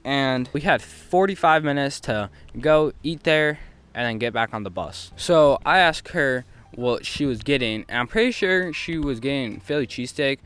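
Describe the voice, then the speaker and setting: A young man telling an embarrassing story in a casual vlog, slangy and profane, swinging between loud hype and muttered asides. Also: mid-range voice, lively intonation, normal speed, clean tone.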